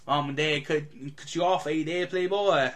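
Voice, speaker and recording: A man's voice: a little high, fairly even intonation, moderate pace, lightly acted. A man crooning as a sly voodoo con man. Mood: sly singing. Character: sly smooth-talking male voodoo con man villain.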